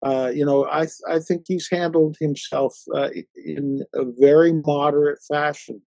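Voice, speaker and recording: A man hosting a conversational interview, talking haltingly with many fillers and restarts. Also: a little high, flat delivery, creaky, dark tone, dry recording, poor audio. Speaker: interview host.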